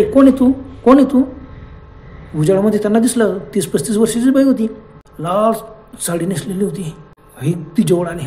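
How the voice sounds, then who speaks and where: A man narrating a spoken horror story in a plain, unhurried way. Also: high voice, warm tone, echoey room.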